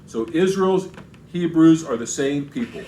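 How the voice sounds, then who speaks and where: A man's voice: a little high, animated, unhurried, dark tone, a little hiss or hum, low-quality recording. A man preaching an expository sermon as pastor, reading scripture aloud and then explaining it in plain asides with frequent restarts.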